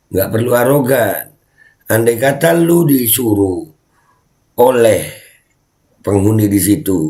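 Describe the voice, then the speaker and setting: A man's voice: medium pitch, darkish tone. A man giving casual video commentary, scolding and repeating his points. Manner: scolding, repetitive, chatty. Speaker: online commentator.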